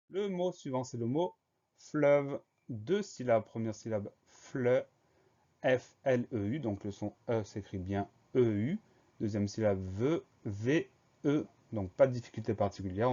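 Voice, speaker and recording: Male teacher, mellow voice, careful letter-by-letter spelling, dull lo-fi recording. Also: medium pitch. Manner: slow, spells words letter by letter. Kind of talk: spelling lesson for schoolchildren. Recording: dull lo-fi voice-over.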